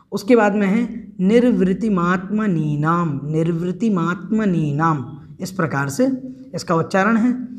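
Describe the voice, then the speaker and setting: Slow, high-voiced man teaching scripture. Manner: slow, careful explanation, repeating verse words. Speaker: religious teacher. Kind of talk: scripture class; chanted Sanskrit verse recitation. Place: home, online class recording.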